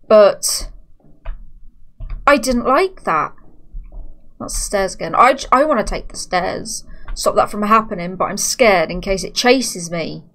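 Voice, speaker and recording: A woman's voice: mid-range voice, a bit bright. A young British woman commenting on a horror game as she plays, talking to herself and breaking into frightened outbursts. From United Kingdom. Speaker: gaming streamer.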